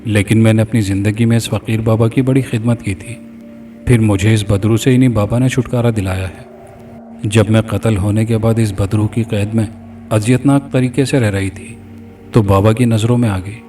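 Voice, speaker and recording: A man's voice: on the low side, fairly even intonation, warm tone, natural voice. A man voicing a sorrowful young woman's ghost who speaks earnestly. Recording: distant mic, faint background music.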